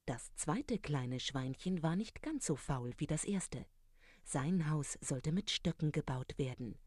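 A storyteller reading a fairy tale aloud in a calm, even manner. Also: medium pitch, takes it slowly, slightly rough, dry recording, studio quality.

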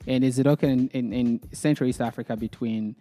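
A man with a Burundian accent speaking as an interview guest, conversational and halting, often repeating words as he goes. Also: mid-range voice, fairly even intonation, dark tone, faint music behind. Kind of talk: conversational interview, telling own story.

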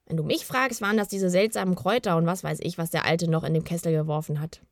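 A woman's voice: fairly low pitch, fairly even intonation, fast, no room sound, clean studio sound, natural voice. A woman voicing a worried, bearded male kobold who talks in an anxious, urging way in a storybook reading. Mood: uneasy.

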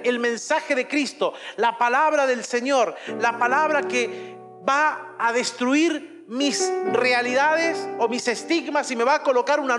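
A man's voice: very high-pitched, big-room sound. A middle-aged man with a Rioplatense Spanish accent preaching a sermon with passion. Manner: impassioned preaching, mimics a whining child. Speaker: pastor.

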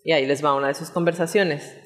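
A woman's voice: low-pitched, quick pace, in a large hall. Woman narrating true crime. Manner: reads out chat messages in a relaxed narrating tone. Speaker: podcast host.

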